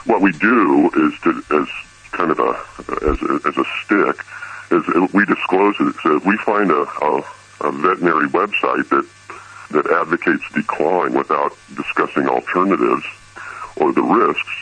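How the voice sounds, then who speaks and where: A man as a radio interview guest, his voice electronically disguised and lowered, speaking hesitantly with stammering restarts. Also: moderate pace, pushed and bright, slightly rough, rough recording.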